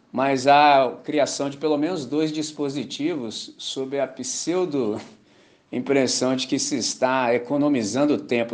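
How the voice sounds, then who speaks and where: A man with a Brazilian Portuguese accent preaching a sermon at a church service, conversational and slangy, often asking his listeners if they follow. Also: mid-range voice. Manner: conversational, keeps asking "entendeu?"; slangy and animated. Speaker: pastor.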